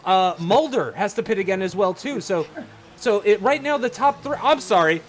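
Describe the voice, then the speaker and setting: Male race caller, high voice, excitable, slight background noise. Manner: excitable, laughs often, quick run-on phrasing. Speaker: lead commentator. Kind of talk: live esports race commentary.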